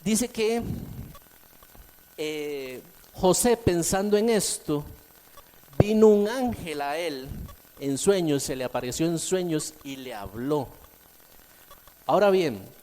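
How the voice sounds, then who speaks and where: Emphatic male preacher, fairly high voice. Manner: dynamic preaching, swinging between emphatic and soft; repeats key phrases for emphasis. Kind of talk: sermon.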